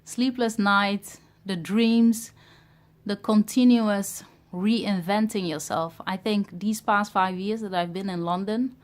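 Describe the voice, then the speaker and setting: Speaking to camera about starting a business, a Ghanaian woman in her thirties who was raised in Europe sounds reflective and unsure, with frequent pauses and fillers. Her mid-range voice has fairly even intonation, in a personal vlog format.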